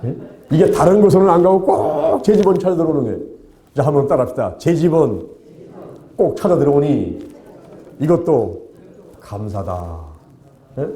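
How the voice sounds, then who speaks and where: Middle-aged male pastor, animated sermon delivery, mellow warm timbre, very expressive pitch.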